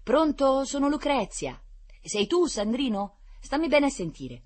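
Bossy little planner girl, crisp and commanding, as a husky woman reader puts her on. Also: high voice, big pitch swings, darkish tone, voice pushed up, full character voice. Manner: brisk, instructive, in charge.

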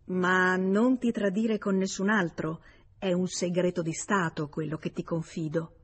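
A woman's voice: on the low side, steady tone, unhurried, slightly rough. A woman reading an audiobook gives voice to a smug young man, a scheming lover who talks in a confiding, self-assured way. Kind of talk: audiobook character voice.

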